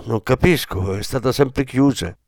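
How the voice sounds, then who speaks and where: A man voicing a worried, superstitious mother in an audiobook, speaking in a hushed, grave way. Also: mid-range voice, unhurried, no room sound, clean studio sound, voice pushed up. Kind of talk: audiobook reading.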